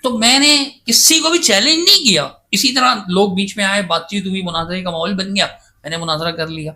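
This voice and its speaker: High, bright-voiced man arguing emphatically. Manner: emphatic, insistent, defends himself at length. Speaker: guest scholar in a podcast interview. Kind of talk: casual debate-style interview talk.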